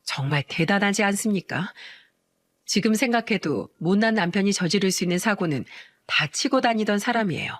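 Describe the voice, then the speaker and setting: A woman narrating a first-person family story in a measured way, with rhetorical asides. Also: mid-range voice, lively intonation, no room sound.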